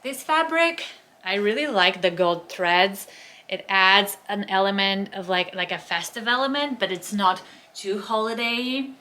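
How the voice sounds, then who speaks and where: Bright-voiced woman chatting fashion. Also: medium pitch, measured pace. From Bulgaria. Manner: chatty, enthusiastic product descriptions. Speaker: fashion vlogger. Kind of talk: casual haul and try-on talk.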